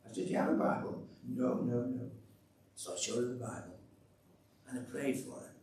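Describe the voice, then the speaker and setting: A man's voice: mid-range voice, moderate pace, a little mellow, a little hiss or hum. Man telling a church testimony. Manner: chatty storyteller, re-enacts conversations, exhorting. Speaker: church speaker giving testimony. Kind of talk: anecdotal church talk. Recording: roomy echo, distant mic, faint ambience.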